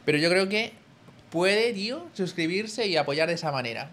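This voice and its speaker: Chatting with his viewers on a live stream, a young Spaniard with a Spanish accent keeps it casual and talkative, calling the chat "tío." His high, fairly bright voice has lively intonation at a normal speed, with a little hiss or hum.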